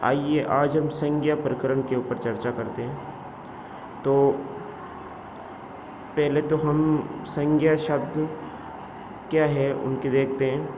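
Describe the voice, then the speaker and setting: A male teacher giving a grammar lesson, explaining slowly and often asking his students questions. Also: a little high, little pitch movement. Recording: echoey room with faint background noise.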